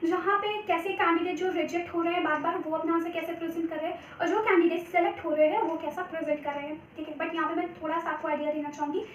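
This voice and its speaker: A woman's voice: very high-pitched, steady tone, quick pace, few pauses, far from the mic, slight background noise. A young Indian woman giving interview advice in a chatty vlog, mixing Hindi and English and often checking in with her viewers. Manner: chatty, repeats "theek hai" often; switches between Hindi and English. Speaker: vlogger giving cabin crew interview tips. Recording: echoey room, voice off-mic.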